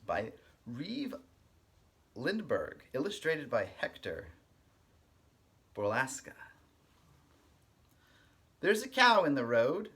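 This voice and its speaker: His voice is medium in pitch and husky as this kindergarten teacher reads expressively to a young audience. He explains ideas simply so the children can understand.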